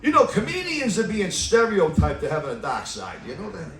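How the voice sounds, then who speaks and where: Stand-up comic, middle-aged man, high bouncy voice, deadpan one-liners, roomy club sound from back of the room. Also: brisk, distant mic, a little hiss or hum. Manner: deadpan one-liners, laughs at own jokes. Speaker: stand-up comedian. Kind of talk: stand-up comedy set. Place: comedy club stage with live audience. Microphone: stand mic away from mouth.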